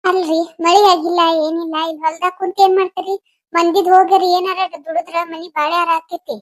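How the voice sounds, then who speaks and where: A woman's voice: very high-pitched, little pitch movement, fairly quick, fairly bright tone, no echo, clean studio sound. A woman playing an anxious, poor village mother who frets and complains with a North Karnataka Kannada accent, in a family skit. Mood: fretful. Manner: fretful, scolding complaint.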